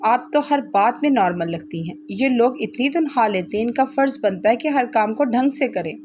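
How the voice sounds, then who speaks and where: A woman's voice: fairly high pitch, expressive, fairly quick, darkish tone, a little hiss or hum, close to an everyday voice. A woman voicing a spoiled, bossy rich young woman who scolds sharply. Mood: angry.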